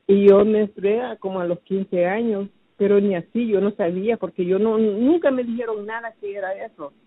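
A woman giving a personal testimony, recounting her past slowly and hesitantly, with many fillers and restarts. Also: mid-range voice, husky, no room sound. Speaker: testimony giver. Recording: phone-like, dry narrow sound.

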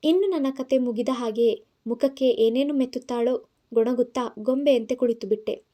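A woman's voice: fairly high pitch, normal speed, mellow. A woman narrating an audio story in Kannada-accented speech, voicing the characters' lines herself.

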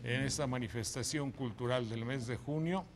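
A man's voice: mid-range voice, normal speed, noisy background. An older man hosting a TV studio program, talking emphatically with many restarts on a lapel mic. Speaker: TV host. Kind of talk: opinionated studio chat. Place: TV studio set, indoors.

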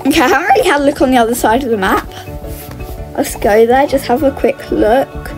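A woman hosting a gaming video chats casually while she plays, exclaiming and thinking aloud. Her voice is high-pitched and lively in intonation, fairly quick, with music running under it.

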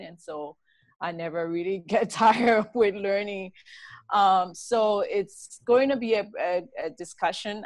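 A tired middle-aged woman from Liberia, giving a relaxed, chatty talk over a laptop video call from a home study. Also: lowish voice, no room sound. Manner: relaxed, chatty, laughs often. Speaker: guest speaker.

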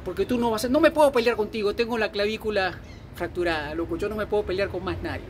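A Peruvian political vlogger in his fifties, speaking with a Peruvian Spanish accent, launches into an angry rant packed with swearing and blunt scolding. His voice is high and his pace quick, with background noise audible.

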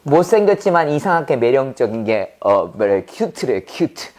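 A man teaching English vocabulary in a playful way, with quick asides and silly acted examples. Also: mid-range voice. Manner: animated, drops into silly voices and sound effects to make words memorable.

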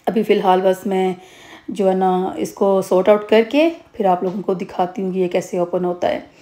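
A woman's voice: mid-range voice, steady tone, normal speed, mellow. A woman in her thirties from Pakistan, chatting casually on a home vlog, rambling with fillers and restarts, recorded on a phone camera indoors. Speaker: vlogger. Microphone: phone camera held close.

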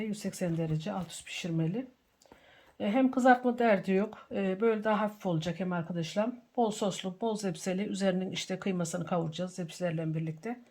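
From her kitchen, a middle-aged woman who runs a cooking channel hosts a home cooking tutorial, warmly greeting viewers as if they were friends. She sounds a bit under the weather with a cold, her pitch is fairly low, and there is background noise.

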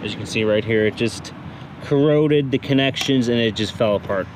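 The man guiding viewers through this hands-on job speaks at a medium pitch and moderate pace, chatting informally as he works. He's beside a vehicle outdoors in daylight, and the action camera near him records clear ambient noise.

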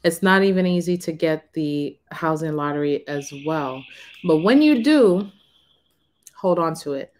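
A woman in her thirties talking frankly to camera in a casual, unhurried way from a small room. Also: sits low, expressive, darkish tone. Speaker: vlogger on renting. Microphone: camera in front of her.

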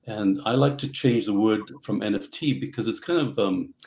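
Middle-aged man from Central Africa, low gravelly voice, halting speech full of fillers, video call guest. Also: darkish tone, low-quality recording. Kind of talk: casual interview storytelling. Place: home office.

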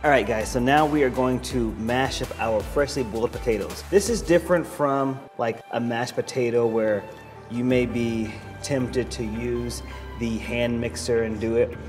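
A man's voice: mid-range voice, normal speed, soft background music. A man in his thirties hosting a cooking show, talking viewers through a recipe with easy enthusiasm. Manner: enthusiastic, encouraging, addresses viewers as guys. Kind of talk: upbeat cooking demonstration. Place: bright loft kitchen with brick wall, indoors.

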